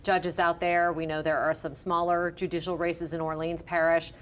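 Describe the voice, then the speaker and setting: A woman's voice: fairly low pitch, little pitch movement, normal speed, fairly bright tone, a little hiss or hum. A woman anchoring live election results, steering the discussion in an organized way. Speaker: news anchor hosting election coverage.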